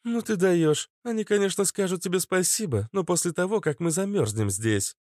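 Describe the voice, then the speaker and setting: A man voicing a quick, excitable young woman in an audiobook. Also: high voice, no echo, clean studio sound, voice pushed up. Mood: excited.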